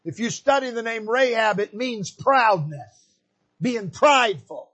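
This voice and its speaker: A man preaching a sermon, repeating his phrases for emphasis and building to fervent shouts. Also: very high-pitched, a little slow, husky.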